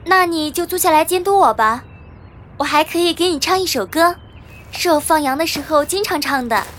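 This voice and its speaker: A woman voicing a sweet, patient young girl in a children's audio story, soft-spoken and polite. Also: high voice, animated, moderate pace. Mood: gentle.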